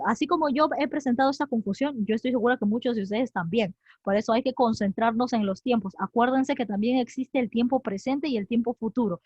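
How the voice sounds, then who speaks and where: A woman's voice: a little high, dry recording, lo-fi sound. A woman teacher giving an online grammar class, quizzing students by name and repeating conjugations aloud.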